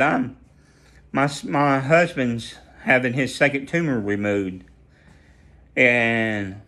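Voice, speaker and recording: A man's voice: mid-range voice, fairly bright tone. A man sharing a personal faith testimony in a casual storytelling way, earnest and prone to repeating and restarting his phrases.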